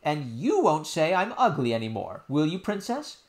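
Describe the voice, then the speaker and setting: A man voicing a fussy, easily offended woman nurse, loud and drawn out, in a storybook reading. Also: on the high side, huge pitch swings, moderate pace, voice pushed up. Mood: emotional. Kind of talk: audiobook character voice.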